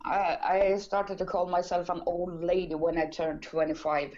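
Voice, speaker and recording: A Swedish woman in her thirties, a guest chatting in English in a friendly, soft-spoken way. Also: fairly low pitch, flat delivery, normal speed, highs cut off. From Sweden. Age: 30s. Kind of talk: casual chat over video call.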